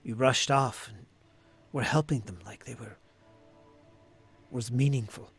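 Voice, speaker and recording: A man voicing a wary, mystical elf druid in a tabletop game, solemn and dramatic, dropping into breathy whispers. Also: mid-range voice, unhurried, soft background music. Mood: probing, intense.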